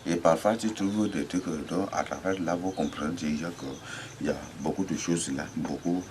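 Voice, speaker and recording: A man gives an informal Bible teaching, repeating himself, pausing, and spelling words out letter by letter. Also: deep voice, fairly even intonation, background noise. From Chad. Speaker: religious teacher.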